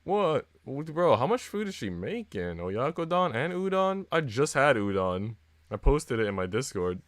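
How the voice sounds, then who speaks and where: With a clean studio sound and no room echo, a man's mid-range voice swings broadly in pitch at an ordinary speed. He's live streaming, trading visual novel read-alouds for slangy, joking talk laced with casual swearing, while plucked guitar music plays underneath.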